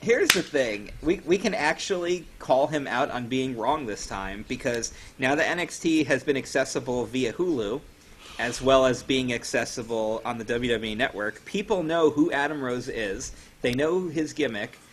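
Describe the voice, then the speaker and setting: A man's voice: mid-range voice, normal speed, fairly bright tone, a little hiss or hum. A man co-hosting a casual podcast chat, sarcastic and opinionated. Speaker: podcast co-host.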